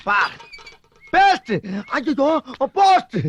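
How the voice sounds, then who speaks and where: An actor playing a bumbling, excitable man who fumbles his excuses, in a comic film scene. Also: very high voice, dull audio. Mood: flustered. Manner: jittery comic blustering, rapid yelps.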